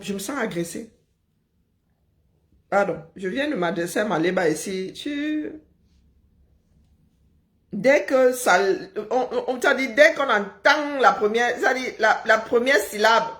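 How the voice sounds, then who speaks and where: A woman's voice: a little high, lively intonation, measured pace, long pauses, fairly bright tone. A woman in a heated online argument, mocking and taunting her opponent. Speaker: live stream participant.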